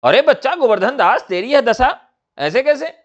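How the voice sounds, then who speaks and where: Man reading old wise guru, steady, reassuring, muffled sound. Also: very high voice, moderate pace, pitched above the performer's own voice. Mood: firm. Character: old wise male guru, calm and firm. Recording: dull lo-fi recording.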